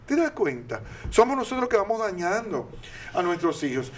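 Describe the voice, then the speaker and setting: High-voiced older Dominican man. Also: sing-song, normal speed. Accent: Dominican Spanish. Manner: earnest and didactic, with rhetorical questions. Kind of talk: advice talk.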